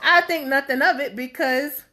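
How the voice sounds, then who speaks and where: Rambling woman in her thirties, bright voice. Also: high-pitched, moderate pace. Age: 30s. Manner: rambling, filler-heavy; blunt and outspoken. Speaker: vlogger. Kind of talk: casual talk to camera.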